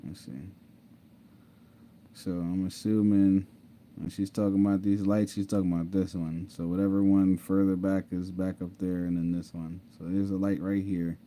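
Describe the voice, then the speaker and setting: A man's voice: sits low, level tone, moderate pace, warm tone. Dude telling his story to viewers, loose and chatty, lots of "mind you". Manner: conversational, repeats himself, laughs often, says "mind you". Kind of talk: casual storytelling over screen share.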